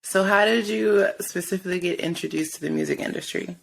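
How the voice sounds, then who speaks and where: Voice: medium pitch, brisk, gravelly, a bit bright, poor audio. A podcast host chatting casually and encouraging the guest. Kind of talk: casual chat.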